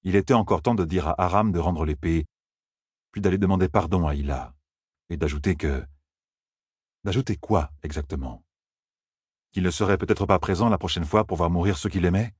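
A man reading an audiobook aloud in an expressive storytelling manner. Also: deep voice, normal speed, pauses often, slightly rough, dry recording, clean studio sound. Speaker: audiobook narrator. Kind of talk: scripted narration.

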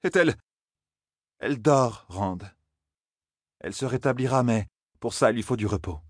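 A man's voice: expressive, normal speed, dry recording, clean studio sound, close to an everyday voice. Moiraine, a cool sorceress, voiced by a man. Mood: composed. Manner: composed, cool, low-key. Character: calm, cold, commanding woman sorceress.

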